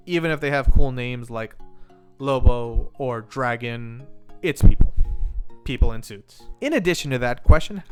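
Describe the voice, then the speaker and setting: With music beneath him, a film review channel host speaks to viewers directly, reading his script in a conversational manner. His voice is smooth and slightly high.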